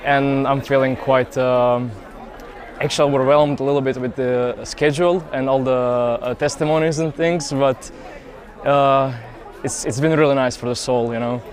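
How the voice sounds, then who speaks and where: A young man from Croatia, answering interview questions at an outdoor festival in an earnest, hesitant way, with many pauses and fillers. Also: medium pitch. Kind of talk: casual street interview. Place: outdoor youth festival grounds.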